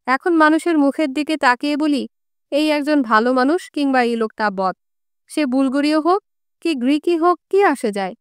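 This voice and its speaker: Woman voicing an old Greek man, coarse, cursing, bitter, audiobook, high voice, dry close sound. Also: no echo, lightly acted. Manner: crude colloquial talk with curses. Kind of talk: audiobook character reading.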